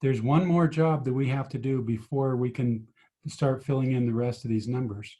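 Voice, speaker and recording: A man's voice: medium pitch, steady tone, normal speed, warm tone. A man tutoring physics over a video call, patiently explaining each step and asking his students questions. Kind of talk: online tutoring lesson.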